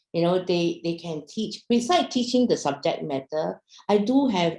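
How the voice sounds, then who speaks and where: A chatty young woman talks to an online audience, full of fillers and questions. Her voice is low and gravelly with fry. The room around her is echoey. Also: a little mellow. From Myanmar, raised in Singapore. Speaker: speaker at an online business talk. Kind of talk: casual presentation to an online audience.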